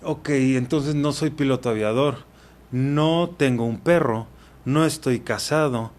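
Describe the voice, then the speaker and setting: A man's voice: medium pitch, unhurried, darkish tone, lightly acted. A man quoting a disappointed little boy. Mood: earnest. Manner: lightly voiced quotes in a retold story. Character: disappointed eight-year-old boy.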